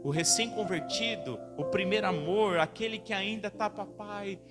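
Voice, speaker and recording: A pastor in his thirties preaches with a high voice, acting out family scenes and calling on the congregation to answer. Loud music plays behind him throughout. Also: moderate pace. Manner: storytelling with acted-out family voices; asks the congregation to answer back. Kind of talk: sermon.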